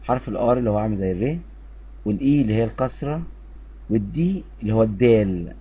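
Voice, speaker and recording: A man with an Egyptian Arabic accent teaching a beginner English lesson, drilling words slowly and having students repeat after him. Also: lowish voice, lively intonation, mellow, breathy edge.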